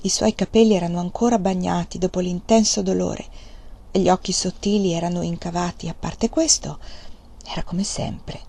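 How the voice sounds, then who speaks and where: A woman reading a novel aloud as audiobook narration, measured and expressive. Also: lowish voice, gravelly. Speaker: reader of a novel.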